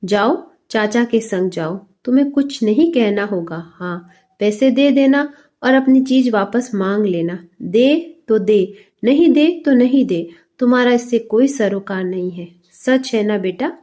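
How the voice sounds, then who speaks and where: A woman's voice: a little high, lively intonation, unhurried, warm tone. A woman voicing a stern middle-aged father who presses his young son with scolding questions, in a storybook reading. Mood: coaxing.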